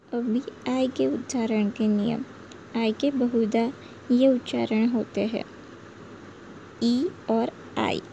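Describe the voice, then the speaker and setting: A woman teaching English pronunciation in a lesson, reading out example words one at a time in a slow, deliberate way. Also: fairly high pitch, fairly even intonation, gravelly, mellow. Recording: slightly muffled with faint background hiss.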